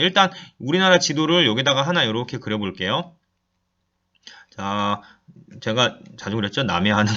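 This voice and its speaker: A male high school teacher giving an online geography lecture, chatting to his students while drawing a map. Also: pushed and bright, highs cut off. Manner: chatty, addresses students directly, thinks aloud while drawing.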